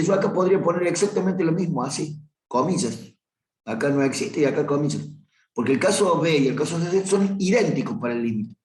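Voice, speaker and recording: A man teaching a review class on limits, talking through a graph and stopping often to correct himself. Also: on the high side. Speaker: math teacher. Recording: roomy echo.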